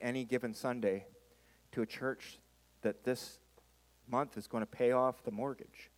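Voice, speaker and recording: A reverberant hall carries the voice of a male pastor giving a sermon. His voice sits a little high for a man. He speaks emphatically and repeats phrases for dramatic weight. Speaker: pastor preaching to a church.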